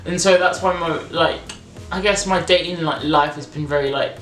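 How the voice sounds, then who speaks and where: A young English woman in her twenties chats casually and animatedly, using lots of fillers. Her voice sits low with a fairly bright tone and moderate pace, and the roomy, echoing recording has faint music in the background.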